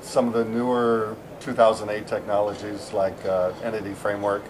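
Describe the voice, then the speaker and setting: A middle-aged American software engineer from San Diego, USA, chats casually as an interviewee at a busy conference venue, rambling with plenty of fillers and restarts. His voice is fairly low and level, at a moderate pace, with background noise.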